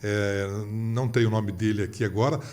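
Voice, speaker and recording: A man's voice: fairly low pitch, normal speed. A man in his fifties with a Brazilian accent, a veteran radio announcer telling stories in a casual interview and acting out the voices he quotes. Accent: Brazilian Portuguese. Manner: animated, acts out quoted voices.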